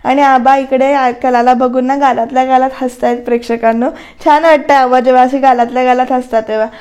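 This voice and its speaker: A woman's voice: high-pitched, steady tone, brisk, a little mellow, smooth. A woman giving a chatty, casual voice-over recap of a TV serial, turning often to her viewers. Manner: chatty, talks straight to viewers. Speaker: TV serial reviewer. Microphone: voice-over mic.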